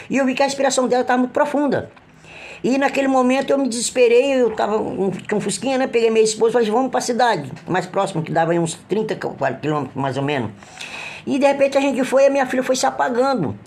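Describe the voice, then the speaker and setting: A middle-aged man with a Brazilian Portuguese accent giving an emotional personal religious testimony, halting and earnest, with frequent restarts. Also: very high voice, a little mellow. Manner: halting, with repeated restarts and trailing phrases; earnest, pleading when retelling cries for help.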